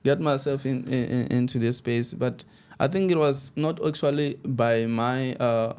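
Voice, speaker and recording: A man's voice: medium pitch, measured pace, darkish tone, smooth. A young South African man whose first language is Xitsonga, talking as an interview guest in a loose, rambling way full of restarts. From South Africa, Limpopo. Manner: rambling, frequent restarts and laughs. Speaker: guest, student media founder. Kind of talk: casual interview talk.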